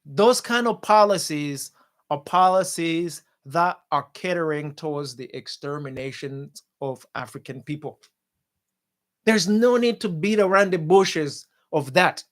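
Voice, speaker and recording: Guy hosting a talk show, high-ish voice, fired up and repeating himself, keeps saying guys. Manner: forceful, repetitive, addresses viewers as guys. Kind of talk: impassioned political commentary. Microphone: studio mic.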